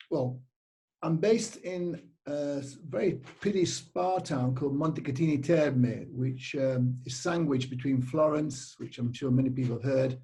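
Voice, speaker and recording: This is a middle-aged man with a British accent, a cycling tour operator, talking loosely in an interview and wandering through lots of fillers and false starts. His mid-range voice carries a warm tone, and the recording is rough.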